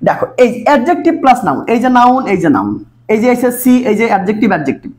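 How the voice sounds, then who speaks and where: A man's voice: very high voice, big pitch swings, racing, darkish tone. A man teaching a live online exam-prep English class, coaxing students with constant repeated questions. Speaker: English tutor.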